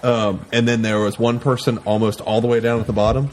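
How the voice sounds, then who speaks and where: A man's voice: mid-range voice, a little fast, slight background noise. A man co-hosting a casual podcast, telling stories with swearing and acting out quoted lines. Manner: animated storyteller, acts out quotes, swears casually. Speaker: podcast co-host. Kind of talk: casual chat.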